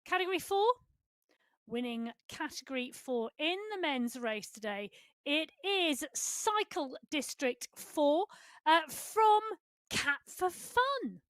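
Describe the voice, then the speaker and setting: A woman co-commentating live on an online cycling race, briskly reading out results and rider positions. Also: high voice, lively intonation, fairly bright tone, no echo.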